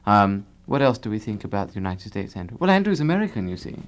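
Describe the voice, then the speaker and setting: A man plays a pompous, self-styled bass singer, one half of a singing duo, in a comic radio interview. His fairly low voice is sing-song and fast, and he rambles grandly while constantly correcting his partner.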